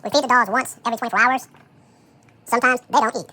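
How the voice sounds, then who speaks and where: A home cook talking through a how-to while preparing food, relaxed and thinking aloud with frequent fillers, played back as a sped-up chipmunk voice. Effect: sped-up chipmunk voice, high and fast. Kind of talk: casual how-to commentary while working.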